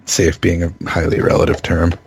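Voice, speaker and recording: Deep gravelly man with dry wit. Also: completely flat delivery, normal speed. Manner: wry, dry remarks. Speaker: player. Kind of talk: casual tabletop game chat.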